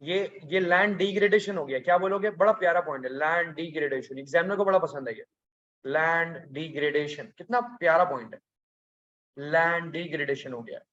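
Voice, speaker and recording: A man teaching a geography class, his voice pitched high for a man. He jokes with his students and drives each point home by saying it again. The recording sounds muffled and lo-fi. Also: moderate pace, fairly bright tone. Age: adult, past school age. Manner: chatty and teasing, code-switching with English, repeats key points. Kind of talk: classroom lecture.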